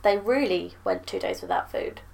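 A woman's voice: on the low side, wildly swooping pitch, moderate pace, vocal fry, darkish tone. A woman guesting on a podcast, teasing and arguing with a laugh in casual chat.

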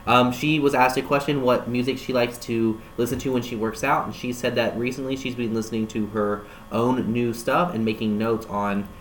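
An animated man co-hosts a casual music news chat and laughs easily. His voice sits at a middling pitch. A faint hum runs under the recording. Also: normal speed, hardly any pauses.

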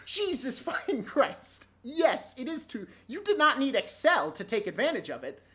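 A woman co-hosting a casual anime recap podcast, animated and mock-indignant, laughing often and swearing freely. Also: sits high, moderate pace. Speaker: podcast co-host.

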